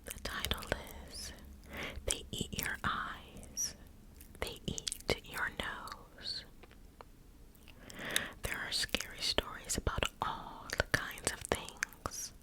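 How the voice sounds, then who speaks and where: A woman reading spooky stories aloud as ASMR in an unvoiced whisper, with a hushed, deliberate delivery. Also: rough recording. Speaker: ASMR storyteller.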